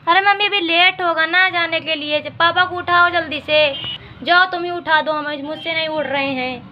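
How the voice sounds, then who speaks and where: A woman's voice: very high-pitched, steady tone, normal speed, dull audio, a little hiss or hum, pitched above the performer's own voice. A woman doing a whiny, stubborn little girl. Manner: whiny, insistent.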